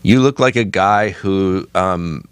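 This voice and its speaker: A man's voice: low voice, takes it slowly, clear, resonant tone, no room sound. A man co-hosting a podcast in casual chat, with wry, laid-back banter. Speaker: podcast co-host.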